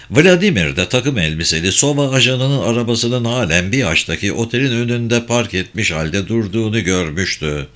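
A man narrating a thriller audiobook in a steady, measured reading voice. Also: fairly low pitch.

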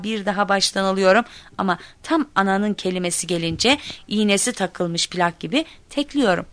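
A woman telling a comic first-person story in expressive narration, acting out shouts and cries. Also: on the low side, dry recording. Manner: lively, acts out quoted shouts.

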